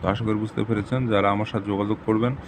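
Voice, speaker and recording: A man hosting a channel, giving step-by-step ritual instructions in a steady, repetitive way. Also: lowish voice, very fast, noisy background. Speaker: tantric channel host. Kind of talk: instructional talk to camera.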